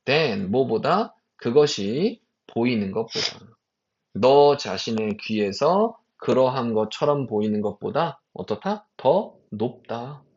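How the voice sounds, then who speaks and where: A man teaching an English exam passage as a lecture, reading English phrases slowly with stress and asking his students quick rhetorical questions. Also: medium pitch, lively intonation, darkish tone. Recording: dull lo-fi recording.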